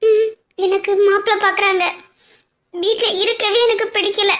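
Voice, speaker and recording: Woman as an anxious young sweetheart, soft pleading delivery, very high voice; animated romance. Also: moderate pace. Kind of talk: cartoon voice acting.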